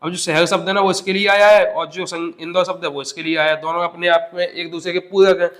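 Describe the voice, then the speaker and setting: A man's voice: high-pitched, level tone, fast, fairly bright tone. A man teaching an exam-prep grammar lesson step by step, asking questions and answering them himself.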